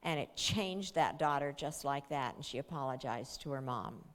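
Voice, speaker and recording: A woman's voice: very deep voice, animated, normal speed. A woman giving a talk and telling a story in a conversational way, with fillers and restarts. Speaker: speaker. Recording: long hall reverb.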